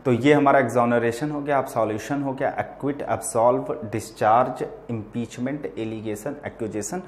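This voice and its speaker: A man's voice: mid-range voice, fairly even intonation, moderate pace, reverberant. A man teaching English vocabulary to students in Hindi, explaining patiently and often checking that they follow. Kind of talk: vocabulary lesson.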